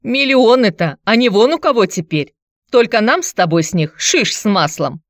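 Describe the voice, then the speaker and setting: A woman's voice: lively intonation, normal speed, no echo, studio quality, natural voice. A woman voicing a quarrelsome, hard-drinking woman who answers in a snappish, sarcastic way. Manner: snappish, sarcastic, shrill when riled.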